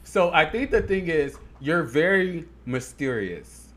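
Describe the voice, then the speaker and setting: Slightly high and animated, this man's voice is a bit bright and a little slow, with some hiss or hum in the recording. As a podcast co-host he chats casually, laughing a lot and using many fillers.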